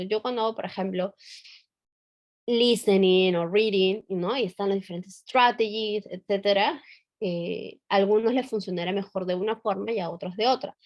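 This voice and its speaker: A woman English teacher, giving a conversational online training talk full of fillers and tag questions. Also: medium pitch.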